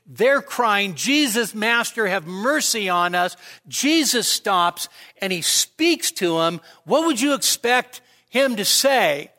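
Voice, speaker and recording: Male pastor, high bright voice, slow deliberate sermon, rhetorical questions. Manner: conversational preaching with rhetorical questions.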